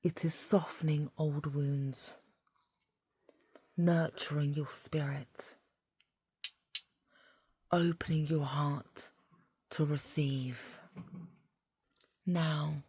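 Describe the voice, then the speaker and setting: Deep female meditation guide, soft half whisper, super slow, soothing, close dry sound. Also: steady tone, husky. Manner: soothing, deliberate, phrase by phrase.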